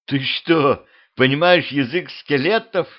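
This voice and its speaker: A man's voice: a little high, slow, pitched above the performer's own voice. A man voicing a pushy, curious young vampire girl who keeps pestering insistently, on a dull lo-fi home recording.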